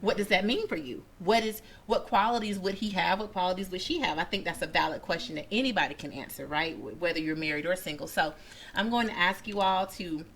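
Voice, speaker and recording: A woman's voice: lowish voice, brisk, a bit bright, a little hiss or hum. A woman who works as a matchmaker and dating coach, hosting a radio talk show in an upbeat, chatty way with many fillers.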